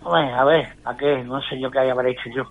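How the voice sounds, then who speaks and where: An older retired teacher calling in to a radio show, talking in a halting, ironic way. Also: male voice, medium pitch, fairly even intonation, crowd noise. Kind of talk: casual chat. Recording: muffled phone line.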